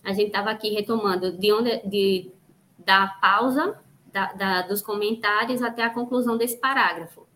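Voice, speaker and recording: A woman co-hosting an online talk from home, reading a passage aloud and explaining it in a measured way. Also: mid-range voice, a bit bright, a little hiss or hum, poor audio. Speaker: co-host of an online study show. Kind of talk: reading a text aloud and commenting on it. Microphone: internet call.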